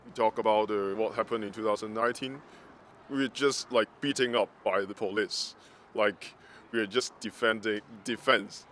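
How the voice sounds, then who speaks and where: A pro-democracy organizer from Hong Kong gives interview testimony with his voice disguised, pitch-shifted deeper. His intonation is fairly even and a bit bright, with a little hiss or hum. He speaks haltingly, searching for words, with many restarts and "like" fillers.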